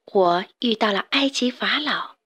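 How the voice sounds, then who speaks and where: A woman reading a children's storybook aloud as narrator, in a gentle, expressive manner. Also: medium pitch, a little slow, slightly rough.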